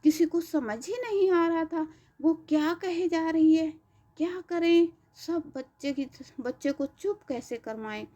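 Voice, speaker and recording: A woman narrating a devotional story in a gentle, emotive manner. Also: very high voice, measured pace. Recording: dull lo-fi recording.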